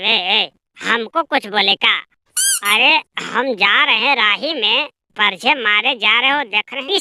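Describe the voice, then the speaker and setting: A woman voicing squabbling small-town men in a cartoon, scolding and bickering coarsely. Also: sits high. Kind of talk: cartoon voice acting. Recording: loud background noise.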